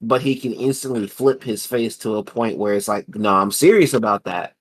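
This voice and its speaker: A man's voice: lowish voice, moderate pace, breathy edge. A man co-hosting a podcast, chatting casually in a thoughtful, analytical way, often searching for the right words. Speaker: podcast co-host. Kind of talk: casual chat.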